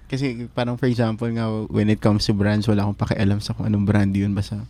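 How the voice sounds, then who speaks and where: A man's voice: on the low side, level tone, fast talker, warm tone, no room sound. A young man with a Filipino accent co-hosting a campus radio show, laid-back and a little hesitant as he chats. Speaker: radio co-host. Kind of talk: casual radio chat.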